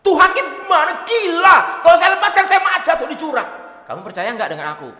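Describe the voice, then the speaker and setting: A priest voicing a stubborn, desperate man clinging to a branch, with a put-on Batak-style accent, pleading and shouting. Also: sing-song, fast talker, full character voice. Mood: frantic. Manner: pleading, shouting in a strained high voice. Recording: echoey church hall.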